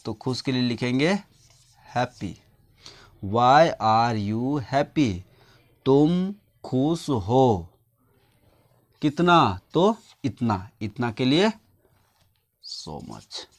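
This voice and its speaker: A man's voice: medium pitch, big pitch swings, slow pace, long pauses. A man from India explaining English grammar step by step, asking his own questions and answering them, dictating example sentences word by word. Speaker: English teacher.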